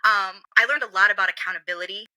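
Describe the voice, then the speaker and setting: In a low-quality, dry recording, a woman with a mid-range voice talks at a quick pace. A guest from the comics world in a casual interview, she tells animated work stories, voicing the people she quotes and using frequent "like" and "um" fillers.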